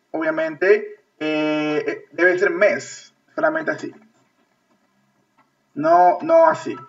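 Peruvian guy teaching an online class, high bright voice, keeps checking everyone's following, sounds far off and lo-fi. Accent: Peruvian Spanish. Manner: repetitive, checks understanding with constant "ok?". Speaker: English teacher. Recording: distant, lo-fi video-call audio.

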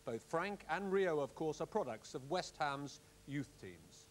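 High-pitched man, formal announcer, noisy recording. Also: animated. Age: middle-aged. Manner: measured, courteous, official. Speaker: host of a televised cup draw. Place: studio-style hall set with audience.

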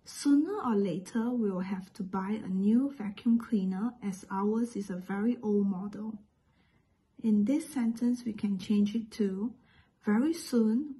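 A woman's voice: medium pitch, dark tone, slightly rough, poor audio. A woman from Singapore with a Singaporean accent, patiently explaining English phrases and pronunciation step by step as a teacher.

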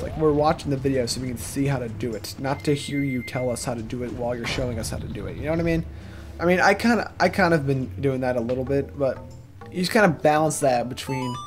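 A man giving casual, joking walkthrough commentary over gameplay, rambling into self-deprecating asides. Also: medium pitch. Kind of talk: casual let's-play commentary. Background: game music.

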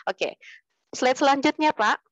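Lady teacher walking kids through poetry reading, gentle and patient, slows right down to sound words out, dry muffled lo-fi audio. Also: high-pitched, no room sound. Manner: gentle, calls pupils "sayang" and "Nak", slows to demonstrate. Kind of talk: poetry reading lesson for children.

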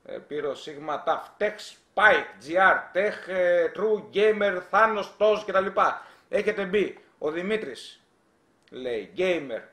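A man's voice: high voice, expressive, fairly bright tone, echoey room. A man hosting a casual live stream, teasing viewers and reading their chat aloud during a giveaway.

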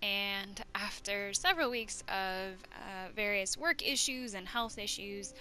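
A woman's voice: medium pitch, a little slow, bright, forceful tone, poor audio. A woman hosting a casual let's play, thinking aloud as she commentates. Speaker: host of a gaming channel.

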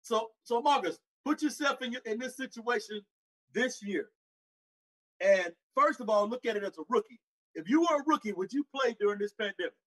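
A man's voice: extremely high pitch, animated, moderate pace, fairly bright tone, recorded from a distance, low-quality recording. A man hosting a sports talk show, teasing his guest with pointed questions. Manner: teasing, puts the guest on the spot. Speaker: show host. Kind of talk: casual chat.

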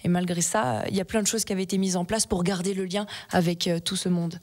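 A woman's voice: on the low side, flat delivery, quick pace, darkish tone. Young woman hosting a radio interview. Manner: fluent, engaged questioning. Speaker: radio host. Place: radio studio. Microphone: studio mic with headphones.

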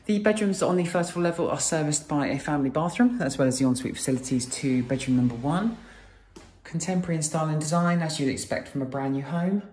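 A man's voice: a little high, fast, darkish tone. A British man gushing through a property tour as an estate agent, in polished sales patter, recorded walking around an empty house. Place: inside and outside an empty new-build house. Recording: echoey empty rooms.

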